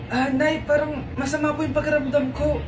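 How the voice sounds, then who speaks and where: High-voiced woman pleading in a skit. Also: level tone, normal speed, noisy background. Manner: pleading, put-upon child in skits. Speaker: comedy skit performer. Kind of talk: acted comedy skits.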